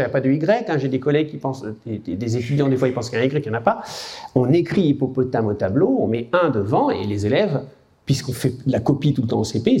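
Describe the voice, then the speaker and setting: Lively French lecturer, man, mellow voice. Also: mid-range voice. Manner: conversational, lively, frequent "hein" and "bah". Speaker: university lecturer and teacher trainer. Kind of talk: lecture to an audience.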